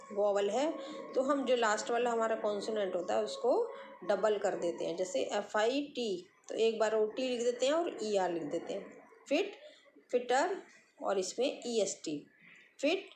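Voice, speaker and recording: A woman teacher who moves slowly through a grammar lesson, spelling each word out letter by letter. Her voice sits a little high, and the room gives it a noticeable echo with a faint hiss behind it. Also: darkish tone. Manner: slow, spells words letter by letter, repeats "ठीक है". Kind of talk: grammar lesson for young pupils. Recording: echoey room with faint background noise.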